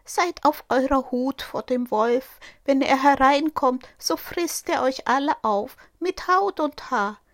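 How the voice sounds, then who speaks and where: A loving, anxious old mother goat from a fairy tale, her voice lifted higher than the teller's own, as a woman storyteller puts her on. She warns her kids in a slow, motherly way. The recording is dry and close. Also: fairly bright tone, no room sound, full character voice. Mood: caring warning. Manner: raised, warning motherly tone.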